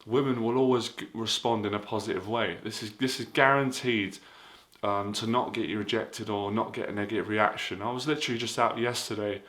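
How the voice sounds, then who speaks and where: A man's voice: on the low side, fairly bright tone. A man giving casual dating advice in an earnest, repetitive way, full of fillers. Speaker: dating coach.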